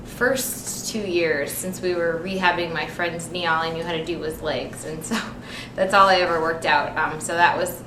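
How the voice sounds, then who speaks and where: A young woman talks about herself in a relaxed, chatty way, her voice sitting fairly low. She is recorded from a distance in an echoey room with clear background noise. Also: moderate pace, hardly any pauses. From United States. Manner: relaxed and chatty, many ums. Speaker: interviewee, nurse and figure athlete. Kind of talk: casual self-introduction. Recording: echoey room, mic from far off, noisy.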